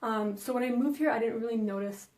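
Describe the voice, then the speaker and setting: A young Danish woman who grew up speaking Danish answers viewer questions in a chatty Q&A vlog, saying "um" and "like" often. Her voice is a little high, quick and darkish in tone, with a reverberant sound.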